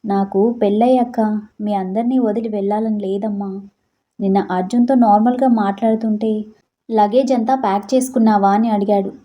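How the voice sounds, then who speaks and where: Brief: a sad, pleading young woman, as a woman storyteller plays her, dark soft tone. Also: mid-range voice, steady tone, brisk, natural voice. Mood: tearful. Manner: pleading, tearful. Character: tearful young bride-to-be daughter.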